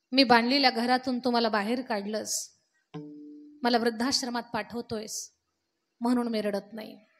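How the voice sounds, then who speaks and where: A woman voicing a grieving old father, speaking low and slow with heavy, sobbing pauses. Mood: grief-stricken. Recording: long hall reverb.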